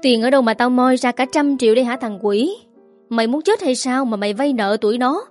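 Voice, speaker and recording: A woman's voice: a little high, lively intonation, fairly quick, a little mellow, soft background music, voice pushed up, natural voice. A woman voicing a frantic aging mother who scolds and wails at her son over his debts. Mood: furious. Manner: wailing, scolding, pleading.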